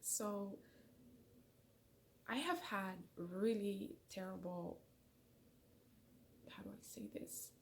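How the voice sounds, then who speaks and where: A young adult woman from Somalia speaks very slowly in a mid-range, creaky voice, leaving long pauses, with slight background noise. Hosting her channel from a small indoor room, she chats casually to a camera in front of her that frames her head and shoulders, rambling self-consciously and restarting often amid plenty of fillers.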